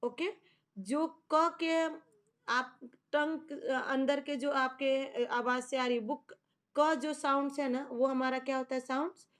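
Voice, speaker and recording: High-voiced teacher woman, slow and deliberate. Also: steady tone, fairly bright tone. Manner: reads English lines slowly word by word, then explains them; asks questions and answers them herself. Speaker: school teacher. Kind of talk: online English phonics lesson explained in Hindi.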